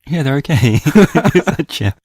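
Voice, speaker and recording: A man's voice: fairly high pitch, sing-song, a little mellow, slightly rough, dry recording, studio quality. A man hosting a podcast in casual chat, easygoing, laughing often and teasing his co-host. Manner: easygoing, quick to laugh and tease.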